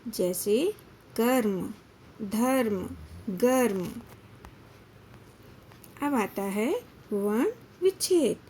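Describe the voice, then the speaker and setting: A woman teacher giving a children's lesson in a very slow, deliberate delivery, drawing out each syllable. Her voice sits fairly high. A faint room hum stays in the background. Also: warm tone. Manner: slow, deliberate, drawn-out syllables with frequent pauses.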